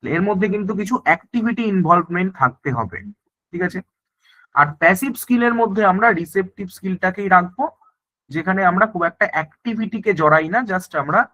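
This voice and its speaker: A man teaching an online exam-prep class, explaining in a steady lecture with frequent check-in phrases. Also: high-pitched, highs cut off. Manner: explains in mixed Bengali and English, repeats "thik ache" often.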